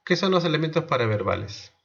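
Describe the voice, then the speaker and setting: Man, teacher, explanatory, quizzes students, gravelly, muffled call audio. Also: fairly high pitch, big pitch swings, fast. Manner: explanatory, asks the class questions, many restarts. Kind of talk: online class lecture.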